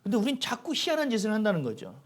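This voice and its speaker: A middle-aged man preaches from the pulpit with an animated, expressive delivery. His pitch swings widely as he acts out little quoted exchanges between points. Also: fast talker. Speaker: pastor. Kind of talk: sermon.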